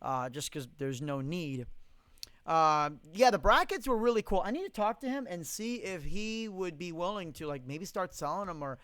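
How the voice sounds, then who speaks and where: High-voiced blunt man ranting on a live stream. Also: lively intonation, normal speed, fairly bright tone, dry recording. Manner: blunt and profane, rants with strong opinions. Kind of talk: casual live-stream Q&A, reading out comments. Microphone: studio condenser mic.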